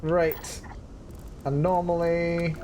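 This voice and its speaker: A man's voice: on the high side, flat delivery, extremely slow. A man streaming a video game from his seat indoors, chatting casually and musing aloud on tangents as he plays. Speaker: let's play streamer. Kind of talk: live gameplay commentary.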